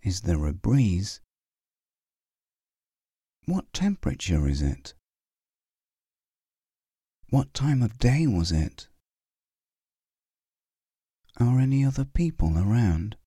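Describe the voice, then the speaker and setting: Slow, deep-voiced male meditation guide. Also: big pitch swings, warm tone, breathy edge, no echo, studio quality. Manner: slow, soothing, with long pauses.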